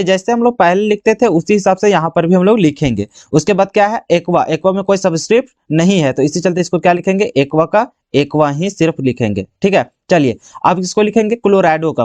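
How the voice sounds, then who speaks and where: A high-pitched man walks students through exam chemistry, firing off questions and answering them in the same breath. The sound is dry and close, with no room around him. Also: a little mellow, no echo. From Jharkhand, India. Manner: asks the class questions and answers them himself. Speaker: chemistry teacher. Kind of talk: exam-prep classroom lesson.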